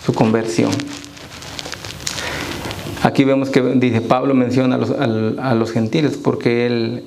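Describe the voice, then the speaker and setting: A man's voice: mid-range voice, vocal fry, a little mellow, slight background noise, rough recording. A man leading a church Bible study, reading scripture aloud and quizzing the congregation.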